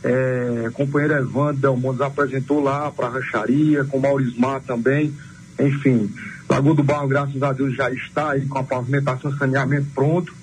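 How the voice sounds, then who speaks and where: A man's voice: medium pitch, level tone, moderate pace, a little hiss or hum, low-quality recording. A man, a council president speaking on the phone to a radio show in formal political talk with many hesitations. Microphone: phone line.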